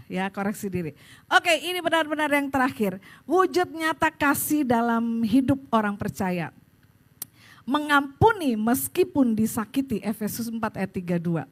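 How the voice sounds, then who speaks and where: Female preacher, high-pitched, lively storyteller addressing a congregation. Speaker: pastor. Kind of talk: sermon. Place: church service.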